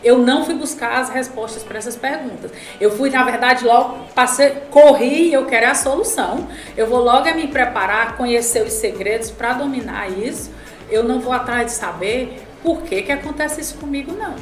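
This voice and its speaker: A woman from the Northeast, a lawyer in her forties, telling a story as a guest, animated and acting out the dialogue. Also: fairly high pitch, moderate pace. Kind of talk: casual podcast chat. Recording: echoey room, soft music behind.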